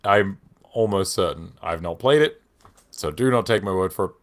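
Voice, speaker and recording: A man's voice: low-pitched, moderate pace. A man with a cold and a whiny voice, co-hosting a casual podcast chat, laid-back and sardonic, swearing often. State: has a cold. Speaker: podcast co-host.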